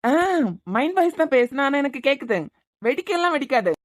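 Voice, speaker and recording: A woman's voice: high-pitched, expressive, a little fast, no room sound. A woman voicing a teasing, playfully romantic young husband in a cartoon, with a Kanyakumari Tamil accent. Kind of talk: cartoon voice acting.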